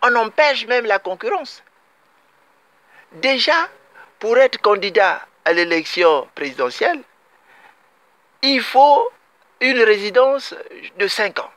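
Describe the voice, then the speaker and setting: A man from Congo-Brazzaville holds forth in an emphatic political commentary. His voice sits high for a man and moves widely in pitch. He repeats his key phrases and speaks straight to his fellow citizens. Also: very animated, slow pace, long pauses, fairly bright tone, no room sound. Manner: emphatic, repetitive, addresses compatriots directly.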